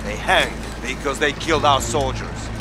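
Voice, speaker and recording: An actor playing a menacing Russian occupation soldier in a video game, threatening and barking orders with a Russian accent. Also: male voice, medium pitch, normal speed, loud music behind the voice, lightly acted. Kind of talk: video game dramatic acting. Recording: very noisy outdoor street ambience.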